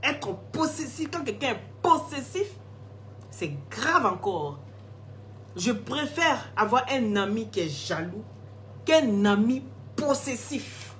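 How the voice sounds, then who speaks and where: A woman's voice: on the high side, sing-song, slow, fairly bright tone. A woman chats on a phone live stream, answering viewers' comments one after another in a loose, teasing way. She laughs often as she talks. A faint hiss sits under her voice. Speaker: live-stream host selling skin products.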